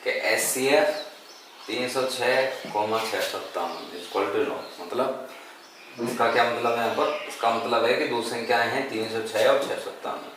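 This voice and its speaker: A male math teacher, working through sums on the board and reciting times tables aloud as he asks his class questions and answers them himself. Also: mid-range voice. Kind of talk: board lesson. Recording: echoey room, mic far off, noisy.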